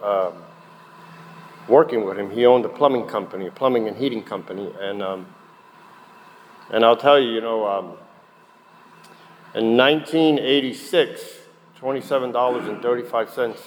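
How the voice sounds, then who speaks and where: A man's voice: medium pitch, moderate pace, pauses often. A middle-aged man from Puerto Rico, raised in New Jersey, gives a candid, conversational recovery testimony with frequent fillers at a meeting. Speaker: guest speaker at a recovery meeting. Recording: long reverb in a hall, faint noise.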